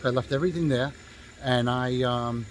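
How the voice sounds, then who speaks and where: A man's voice: mid-range voice, normal speed, slight background noise, rough recording. A male real estate agent telling a story in a casual, rambling way, swearing freely and stopping often to restart with fillers.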